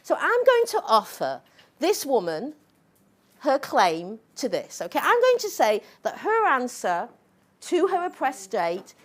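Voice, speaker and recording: A woman's voice: high voice, wildly swooping pitch, measured pace. A middle-aged woman professor giving an impassioned lecture, combative and sarcastic, pressing her points with a constant "okay?" and "right?". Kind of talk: impassioned public talk.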